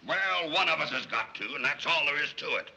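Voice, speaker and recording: A gravelly, gruff, blustering father of a rich family, his voice bright and sharp-edged. The pitch jumps about with exasperation, in the manner of a 1930s screwball film. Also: lively intonation, fairly quick, heavily acted, low-quality recording. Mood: exasperated.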